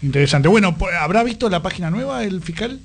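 An Argentine man hosting a conversational radio interview, with informal, halting phrasing. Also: high voice, expressive. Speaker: radio host.

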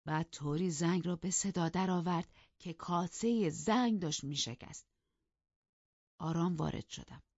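A woman narrating an audiobook in a measured storytelling manner. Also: on the low side, darkish tone, breathy edge, no room sound, muffled recording. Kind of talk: scripted narration.

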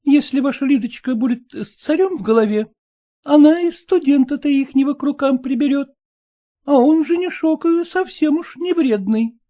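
A man voicing a sly, coaxing housekeeper woman in a chattering falsetto for an audiobook. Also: normal speed, warm tone. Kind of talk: audiobook character voice.

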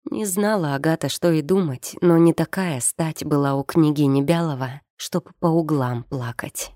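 A woman narrating an audiobook with measured, expressive storytelling. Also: deep voice, no room sound, studio quality. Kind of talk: scripted narration.

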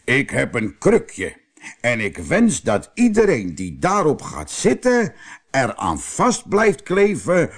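A man's voice: medium pitch, slow, pitched above the performer's own voice, full character voice. Een man als slimme rustige schoenmaker. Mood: sly. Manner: calm, sly and friendly. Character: cunning easygoing male shoemaker.

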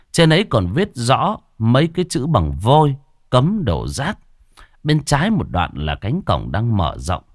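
Man telling a lively ghost story. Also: mid-range voice, no room sound, studio quality.

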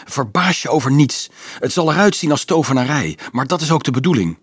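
A daring boy leader hisses urgent orders to his friends, voiced by a male narrator. The voice is husky and pressed, a little higher than the narrator's own. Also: animated, a little fast, dry recording. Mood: tense urgency.

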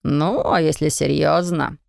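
A woman's voice: deep voice, gravelly, no room sound, studio quality, voice pushed down, heavily acted. A woman reading aloud and voicing a meddling, mocking middle-aged male neighbor who drawls his remarks. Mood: teasing. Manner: teasing, drawling, slow.

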